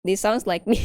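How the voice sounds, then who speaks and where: A woman's voice: high voice, a little mellow, breathy edge, no room sound, studio quality. A young woman streaming a visual novel, chatting, giggling and reading the game text aloud in a rambling way. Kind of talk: casual game commentary.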